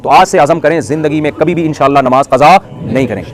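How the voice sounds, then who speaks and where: A middle-aged man delivering a sermon, animated and joking, asking the audience questions. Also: on the high side, fast. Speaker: preacher.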